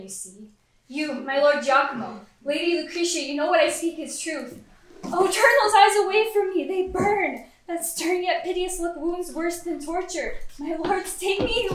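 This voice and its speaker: A woman's voice: high-pitched, natural voice. A woman playing a tortured male assassin in a live stage play, begging and desperate. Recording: echoey hall from far off.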